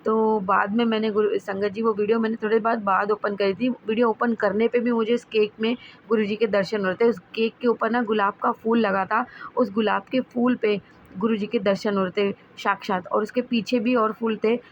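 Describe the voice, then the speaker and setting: A woman's voice: medium pitch, steady tone, normal speed, muffled recording, a little hiss or hum. A woman sharing devotional experiences in a rambling way, with many restarts and fillers. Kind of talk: devotional testimony talk.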